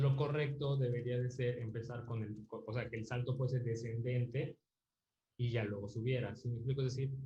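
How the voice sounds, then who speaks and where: A man with a warm, mid-range voice teaches an online music theory class, explaining things patiently and thinking aloud with fillers while often checking in through tag questions. The recording sounds dull, roomy, and lo-fi.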